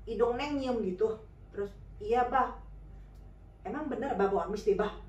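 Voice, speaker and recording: A woman's voice: fairly high pitch, moderate pace, reverberant, recorded from a distance, highs cut off. A woman telling a personal story in a chatty, informal way, full of fillers and acted-out dialogue. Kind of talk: casual spoken storytelling.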